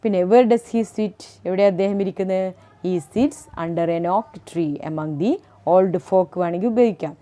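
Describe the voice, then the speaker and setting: A woman's voice: mid-range voice, measured pace, warm tone. A woman teacher with a Malayali accent explaining a poem, reading lines aloud and asking questions that she answers herself. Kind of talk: class lesson explaining a poem.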